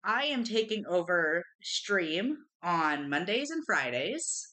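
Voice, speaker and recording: Low, bright-voiced woman streamer. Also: big pitch swings, slow pace. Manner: emotional, rambling with restarts. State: tearful at times. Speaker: streamer co-host. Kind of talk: casual livestream chat.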